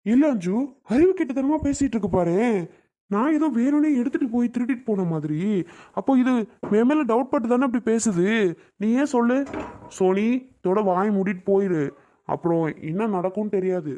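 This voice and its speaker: A woman's voice: lowish voice, fairly even intonation, normal speed, warm tone, lightly acted. A woman playing a grown son who defends himself angrily and makes threats. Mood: threatening. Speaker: Arun, a son and husband in a family skit. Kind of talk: family comedy skit acting.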